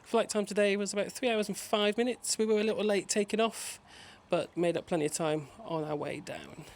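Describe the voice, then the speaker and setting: Male travel vlogger, slightly high voice, chatty narration straight to viewers. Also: steady tone, fairly quick. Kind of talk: casual vlog narration to viewers.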